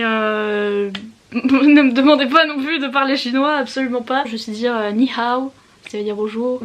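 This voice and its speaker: A young woman chatting casually to camera as a YouTuber, giggly and self-mocking as she rambles from one aside to the next. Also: on the high side. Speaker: YouTuber talking about reading.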